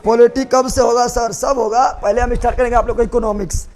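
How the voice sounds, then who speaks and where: A man's voice: extremely high pitch, flat delivery, fast talker, darkish tone. A man teaching history to a class, repeating points, quizzing students and joking with rhymes. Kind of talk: classroom lecture with mnemonics.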